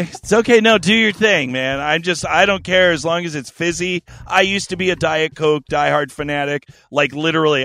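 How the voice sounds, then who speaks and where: A man's voice: fairly high pitch, pushed and bright, no room sound. A man co-hosting a casual adult podcast, brash and profane, telling jokey stories. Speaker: podcast co-host. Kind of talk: crude casual chat.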